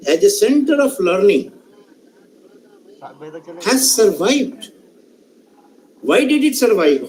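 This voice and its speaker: This is a man, a professor with an Indian English accent, running an online lecture over a session microphone; he speaks emphatically, quizzes participants, and often repeats and restarts phrases. His high-pitched voice has a darkish tone, heard on a rough recording with a little hiss or hum.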